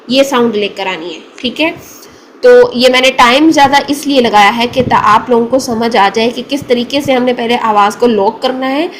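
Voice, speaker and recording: A woman with a Pakistani Urdu accent gives a careful recitation lesson in a fairly high voice. She sounds out single syllables slowly and repeats them patiently. A faint hiss sits under her voice. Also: fairly bright tone, poor audio. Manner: patient, slow demonstrating of letter sounds. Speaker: Quran recitation teacher. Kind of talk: tajweed lesson.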